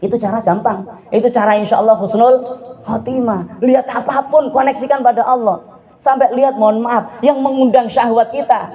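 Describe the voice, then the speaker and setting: A man preaching to a congregation, animated, dropping to a soft murmur and then rising to loud exclamations, asking and answering his own questions. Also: very high voice, normal speed. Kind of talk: religious talk to a congregation. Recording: narrow phone-like sound.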